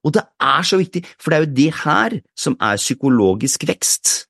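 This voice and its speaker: A man's voice: on the high side, big pitch swings, creaky, a bit bright, no room sound, studio quality. Man asking rhetorical questions. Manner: explains with many rhetorical questions. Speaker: podcast co-host. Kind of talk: casual podcast chat.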